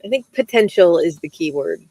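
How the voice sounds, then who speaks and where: A woman's voice: lowish voice, animated, fairly quick, warm tone, dry recording, rough recording. A woman co-hosting a live-stream chat, giving firm, direct advice. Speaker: livestream co-host.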